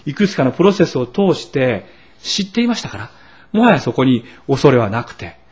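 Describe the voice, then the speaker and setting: A man's voice: medium pitch, fairly quick. A middle-aged Japanese man preaching a sermon as pastor, telling stories with asides and asking the congregation questions. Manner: animated storytelling with asides and rhetorical questions.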